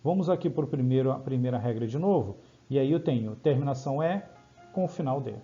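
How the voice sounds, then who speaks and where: A Brazilian man teaching English grammar in Portuguese, explaining rules step by step and checking in with quick questions. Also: medium pitch, expressive, dark tone, lo-fi sound, faint music behind. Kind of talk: grammar lesson over slides.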